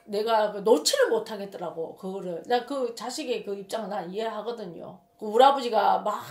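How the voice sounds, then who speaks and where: A woman's voice: mid-range voice, brisk, darkish tone. Echoey Gyeongsang-accented woman storyteller. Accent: Gyeongsang Korean. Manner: emphatic, rambling, repeats words. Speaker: shaman. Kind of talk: casual storytelling monologue. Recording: roomy echo.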